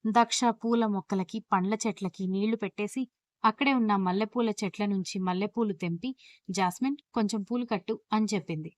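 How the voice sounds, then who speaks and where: A woman storyteller reads a scripted love story aloud in an even, steady manner. Her pitch is middling and ordinary. The recording is dry, with no room sound. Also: fairly quick, no echo. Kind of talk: scripted narration of an audio story.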